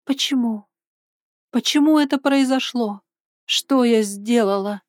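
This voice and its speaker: A woman's voice: fairly high pitch, a little slow, no echo, clean studio sound, natural voice. A woman voicing a frightened young heroine who cries out in grief and defiance. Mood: despairing. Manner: raised, trembling cries.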